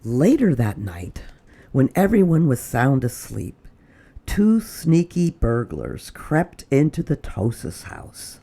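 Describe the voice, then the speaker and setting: A woman reading a children's picture book aloud as a storytime reader, with expressive delivery, dramatic pauses and drops to a whisper. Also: a bass voice, husky.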